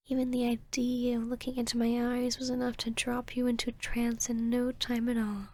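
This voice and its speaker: A woman voicing an arrogant, seductive vampiress hypnotist in a whispered ASMR roleplay, with a breathy, smug, teasing delivery. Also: a little high, little pitch movement, darkish tone, natural voice. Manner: slow, smug, teasing, deliberate.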